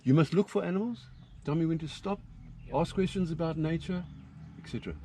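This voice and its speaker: On an open safari vehicle outdoors, a South African man with a matching accent gives a chatty guided commentary full of jokes. His voice sits on the high side, brisk and warm, with a slight hiss or hum in the background.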